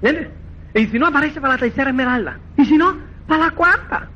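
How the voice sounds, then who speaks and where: A man giving a motivational network marketing seminar, animated and acting out quoted dialogue, repeatedly checking that listeners follow. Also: extremely high pitch, fast, dull audio, a little hiss or hum. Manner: animated, acts out quoted dialogue, keeps asking "¿me entiendes?".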